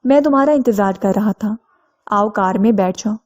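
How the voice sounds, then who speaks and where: A woman voicing a blunt, self-assured young wealthy man who speaks calmly and matter-of-factly. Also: medium pitch, lightly acted.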